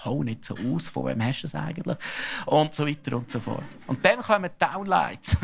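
A middle-aged man with a Swiss German accent, preaching a sermon in an animated, colloquial storytelling style that grows fervent. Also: mid-range voice, a little fast, creaky.

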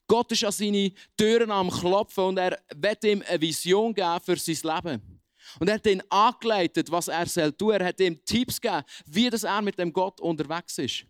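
A young man preaches a youth sermon, talking lively and colloquially. His voice sits somewhat high for a man. The sound is dry and close, with hardly any room around it. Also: normal speed, clear, resonant tone, dry recording. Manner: lively, colloquial, animated acting out of quotes.

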